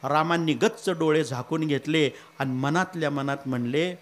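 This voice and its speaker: A man's voice: on the high side, normal speed. A man preaching a humorous, folksy Ramayana discourse, with asides to his listeners. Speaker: kirtan preacher.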